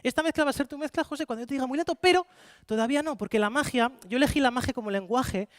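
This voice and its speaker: Male stage magician, Spanish accent, very high voice, brisk playful patter, dry close sound. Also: dry recording. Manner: fast, playful showman, coaxing volunteers. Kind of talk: live card-magic show with audience volunteers. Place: conference hall with live audience.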